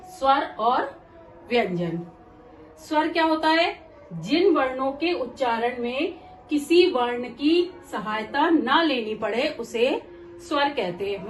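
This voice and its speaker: A woman's voice: sits high, slight background noise. A woman teacher explaining a grammar lesson patiently, repeating points and checking that her students understand. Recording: echoey room with faint ambience.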